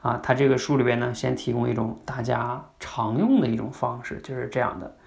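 A man's voice: mid-range voice, a little fast, vocal fry. A young adult man hosting a podcast, giving an instructive talk in a conversational way and asking listeners questions. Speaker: podcast host. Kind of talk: instructive monologue.

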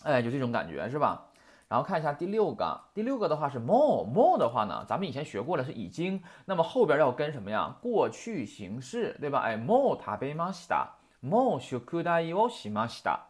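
In a classroom lesson, a language teacher with a medium-pitched voice and huge pitch swings talks a little fast. The teacher quotes sample sentences, explains them, and repeatedly asks "right?" to make sure students understand.

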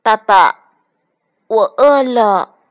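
Woman putting on a squeaky baby duckling. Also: expressive, drawn-out words. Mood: sweet pleading. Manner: calls out loudly and eagerly. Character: high squeaky baby duckling, clingy and eager.

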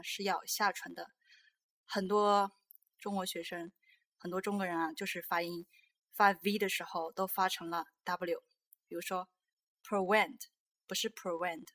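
A woman's voice: mid-range voice, fairly bright tone. Woman host teaching pronunciation. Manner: repeats English words slowly to demonstrate, corrects herself mid-sentence. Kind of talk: pronunciation lesson mixing Chinese and English.

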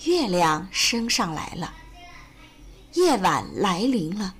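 A woman storyteller reading a children's storybook aloud in a gentle, expressive way. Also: medium pitch, slow. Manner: gentle, expressive, sing-song.

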